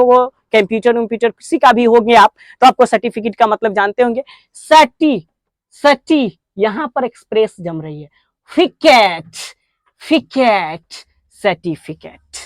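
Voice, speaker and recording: A woman with an Indian accent teaching spoken English, breaking words into slow, stressed syllables. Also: a little high, a bit bright, dry recording. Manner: drawn-out, stressed syllable drills. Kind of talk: classroom lesson.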